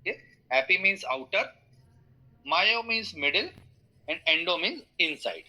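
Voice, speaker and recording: A middle-aged man with an Indian English accent teaching an online class, explaining with everyday analogies, pausing on fillers and inviting questions. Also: high-pitched, animated, sharp tone, poor audio. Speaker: instructor.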